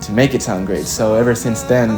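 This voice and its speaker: A young Chilean musician with a low voice gives casual interview answers over background music. He sounds reflective and halting, using "like" and "kinda" a lot.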